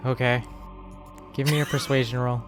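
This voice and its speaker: A man narrating a tabletop game as game master, with deliberate, dramatic phrasing. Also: medium pitch, steady tone, music in the background.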